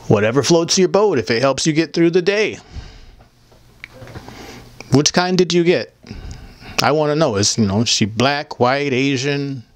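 In a small room with a photo-covered wall, a young man with a mid-range voice holds a mic close and responds to viewer comments in a casual, crude monologue. He's blunt, profane and rambling, mocking as he goes, and the recording is dry.

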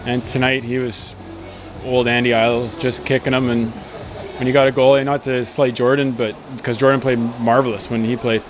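A man's voice: mid-range voice, little pitch movement, normal speed, music in the background. A man in his thirties, a hockey player, giving an earnest, upbeat post-match interview outdoors at night into a handheld mic, with frequent fillers. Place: outdoors at night beside an arena.

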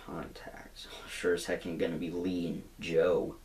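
A young adult man plays a glum young jailbird in a mockumentary comedy, filmed by a camera in a small bedroom. He rambles with hesitant restarts in a resigned mood. His voice sits low and is a little mellow, with a level tone and a slightly slow pace.

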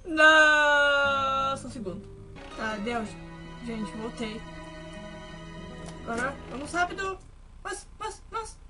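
Girl playing a horror game, kinda high voice, nervous and jumpy, game music going behind her. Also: very animated, slow, pauses often. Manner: jumpy, nervous, shrieks when scared. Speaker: gaming video host. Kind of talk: let's play commentary.

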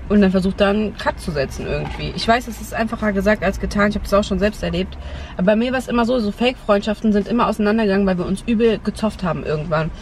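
A woman's voice: medium pitch, very fast, darkish tone. A young woman giving casual advice as a vlog host, chatting inside a car. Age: young adult. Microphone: camera on the dashboard. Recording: noisy car interior, outdoor ambience.

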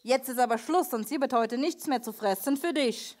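A woman's voice: high-pitched, moderate pace, darkish tone, close to an everyday voice. A woman puppeteer voicing a grumpy, bossy male dog catcher in a children's puppet show, with a scolding, indignant manner. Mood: annoyed.

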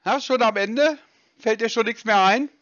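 A man's voice: very high-pitched, normal speed, fairly bright tone, no room sound. A man mocking and laughing at a scam caller on a prank phone call. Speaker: scam baiter.

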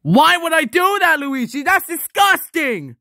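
Mario as a bossy, squeamish plumber plush, voiced by a man. He scolds loudly in a raised, very high voice and is quick to sound disgusted. The sound is dry and close. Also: dry recording, heavily acted. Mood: scolding, disgusted. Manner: loud, scolding, easily disgusted. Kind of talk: plush toy skit.

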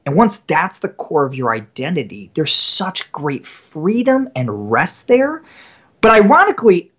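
A man in his thirties speaking as a guest author in a podcast interview, energetic and talkative, repeating words as he starts a thought and often adding "right?". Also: on the high side, measured pace, husky.

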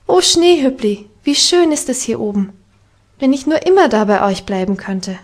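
A woman reading an audiobook voices a lively, strong-willed little Alpine girl, eager and commanding. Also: on the high side, moderate pace. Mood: joyful.

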